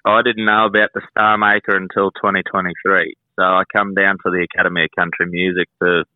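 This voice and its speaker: Over a dry, muffled phone-like line, a young man speaks in a deep voice with a rural Queensland accent. He chats casually and plainly, like an interview guest telling his own story. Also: level tone, fairly quick, no room sound. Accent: rural Queensland Australian. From Queensland, Australia. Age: 20s. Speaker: country singer and rodeo cowboy, interview guest.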